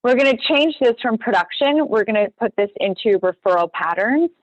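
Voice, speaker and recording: A woman co-hosting an online real estate training, chatting casually as she walks through a screen-share tutorial with quick apologetic asides. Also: on the high side, animated, dry recording. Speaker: real estate agent and co-host. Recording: dull, dry lo-fi video call.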